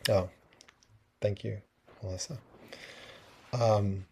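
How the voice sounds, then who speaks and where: A man speaks in a relaxed, conversational way, pausing often with small fillers. His voice sits low and sounds mellow and warm. It comes through the kind of microphone used on a video call. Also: slight background noise. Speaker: webinar presenter. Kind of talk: casual educational talk.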